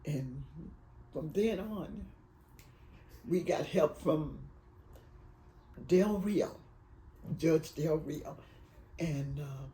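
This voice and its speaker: An elderly woman in her eighties, from Alabama and raised in Detroit, tells her family's story for an oral history. Her voice is dark and mellow, and her speech wanders and halts with emotion. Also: sits low, low-quality recording. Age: 80s. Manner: rambling, emotional, halting.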